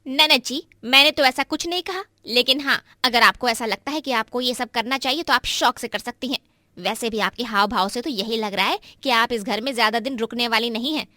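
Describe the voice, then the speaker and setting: A woman voicing a quarrelsome young daughter-in-law in a cartoon story, who speaks in a sharp, taunting way. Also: fairly high pitch, a little fast, no room sound, clean studio sound.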